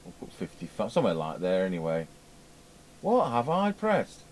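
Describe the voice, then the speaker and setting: Working at an indoor repair bench, a man demonstrating radio repair mutters and thinks aloud in a casual way. His voice sits on the low side with huge pitch swings at a normal speed, and the workshop ambience comes through clearly.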